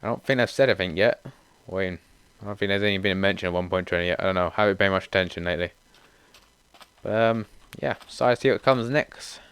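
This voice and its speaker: Smooth-voiced young man reading patch notes. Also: deep voice, fast. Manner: steady read-through with casual asides. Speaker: gaming channel host.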